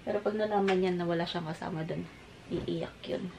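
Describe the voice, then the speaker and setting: A woman in her thirties from the Philippines, a mother chatting casually to her vlog audience, mixing English into her talk and cooing gently to her child. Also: fairly low pitch, fairly even intonation, a little fast, creaky, noisy background. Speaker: family vlogger, mother.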